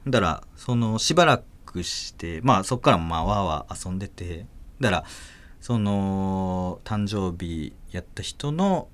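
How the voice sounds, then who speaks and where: A man with a Kansai accent, hosting a podcast and telling a story in a casual, animated way, acting out voices and laughing often. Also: low-pitched, a little slow. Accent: Kansai Japanese. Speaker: podcast host.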